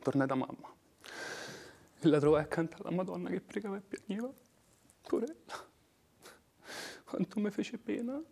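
A man acting an anguished working-class son in a dramatic monologue, with a Roman dialect accent, moving between hushed murmurs and impassioned outbursts. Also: high-pitched, lively intonation, normal speed, vocal fry, long pauses, exaggerated voice. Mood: broken, tense. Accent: Roman (old Romanesco dialect). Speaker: actor.

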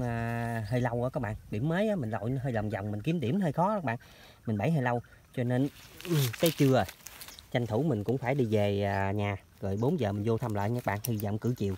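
A man's voice: fairly low pitch, a little mellow. A man talks casually to viewers of his vlog while he walks and wades through rural orchards and canal banks. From southern Vietnam. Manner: chatty, addresses viewers constantly. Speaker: trapping vlogger. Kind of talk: casual outdoor vlog narration. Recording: noisy outdoor field recording.

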